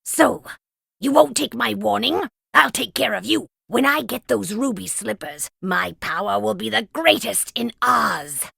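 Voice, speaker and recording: Storybook villain: a gloating wicked witch, heavy gravelly creak, piercing edge, slow taunting menace. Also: on the high side, expressive, no room sound, heavily acted. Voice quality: creaky, sharp cackle. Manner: drawn-out, taunting threats. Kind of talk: storybook character voice.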